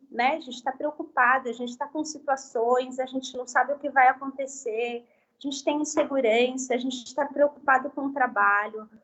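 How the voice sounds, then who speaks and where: A woman speech therapist as a guest on a live health talk, explaining gently and often adding tag questions. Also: sits high, slightly rough.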